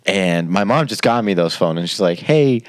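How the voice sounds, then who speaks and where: A young man in his twenties co-hosting a podcast, telling a rambling, animated story and laughing as he goes. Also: low-pitched, a little fast, background noise. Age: 20s. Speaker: podcast co-host. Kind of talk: casual storytelling chat.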